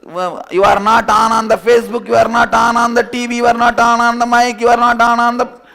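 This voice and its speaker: A high-pitched, nagging young woman, as a male preacher puts her on, fires question after question down the phone. She speaks Indian English, loud and scolding, and barely pauses for breath. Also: flat delivery, creaky, full character voice. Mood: shrill scolding. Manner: shrill rapid scolding, repeating questions.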